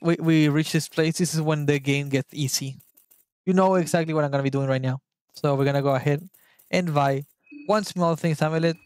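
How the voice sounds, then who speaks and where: Swearing at the game and now and then groping for words, a young Spanish-speaking man from Argentina chats casually through a gameplay guide for his YouTube channel. His voice is fairly high with a darkish tone, and the recording is dry.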